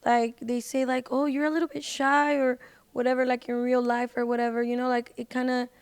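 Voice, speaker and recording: Speaking a little fast in a smooth, slightly high voice with little pitch movement, this singer and social media personality chats casually as a podcast guest. Her talk is informal and full of "like" and "you know."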